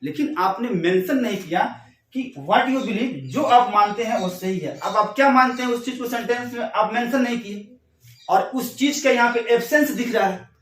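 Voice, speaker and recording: A man with a high voice teaches grammar in a classroom style. He reads each English example slowly and then explains it again. The sound is roomy and echoey, and he stands a bit away from the mic. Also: far from the mic.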